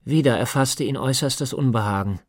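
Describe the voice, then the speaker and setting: A man narrates a literary radio play in a measured tone. His voice sits at a medium pitch and sounds close and dry, with no room around it. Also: dry recording.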